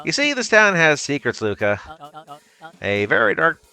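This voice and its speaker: A man voicing a scheming, smooth-talking older townsman in a folksy, coaxing manner while reading a story game aloud. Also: on the high side, wildly swooping pitch, moderate pace, pushed and bright, soft background music, pitched above the performer's own voice, exaggerated voice.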